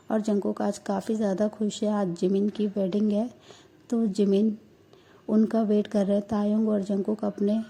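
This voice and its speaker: A woman narrating a romance story in a steady, even storytelling manner. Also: mid-range voice, gravelly, slightly rough, rough recording. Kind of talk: retelling a fan-fiction story.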